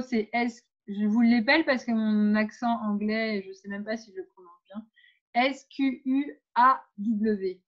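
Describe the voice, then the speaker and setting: Higher-voiced woman giving a lo-fi workshop. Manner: practical, instructive, addresses listeners directly with many hesitations. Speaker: workshop leader on pregnancy and birth. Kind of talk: informal spoken workshop. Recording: dull lo-fi sound.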